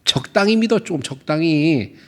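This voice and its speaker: A young male pastor preaches in a church sanctuary, his voice sitting a little high for a man. He talks to the congregation in a loose, playful way, teasing people by name. He acts out quoted remarks as he goes. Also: lively intonation, moderate pace, fairly bright tone. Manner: conversational, teasing the congregation, acting out quoted lines. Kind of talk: sermon.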